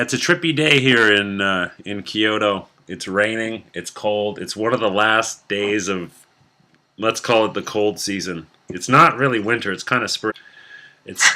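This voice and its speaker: Man, podcast host, lowish voice, bright edge, relaxed and chatty. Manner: relaxed, chatty, laughs easily. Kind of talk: casual interview chat. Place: his kitchen.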